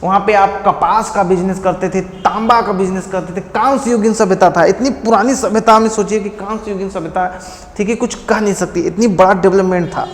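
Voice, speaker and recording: High-voiced Indian man teaching history in an echoey room. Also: fairly even intonation, fairly quick, hardly any pauses. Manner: repeats key facts as quiz questions, with memory tricks. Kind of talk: exam-prep history lecture.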